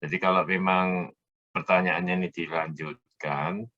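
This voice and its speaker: A man lecturing on a technical subject, explaining step by step, often checking that students follow and pausing on filler sounds as he thinks. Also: low voice, little pitch movement, sharp tone, lo-fi sound. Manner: hesitant fillers while thinking aloud. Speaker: university lecturer.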